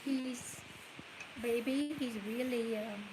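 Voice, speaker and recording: Slow-talking woman from Cambodia, noisy kitchen. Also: fairly high pitch, fairly even intonation. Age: 30s. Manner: unhurried, chatty, coaxes her toddler in between. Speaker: vlogger and mother. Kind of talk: casual chat to camera. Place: home kitchen. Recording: home video with loud background noise.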